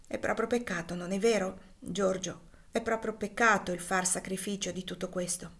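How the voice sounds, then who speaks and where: A woman's voice: medium pitch, fairly even intonation, moderate pace, creaky, fairly bright tone. A woman reading a hopeful young mother, emotional and tender. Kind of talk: audiobook dialogue.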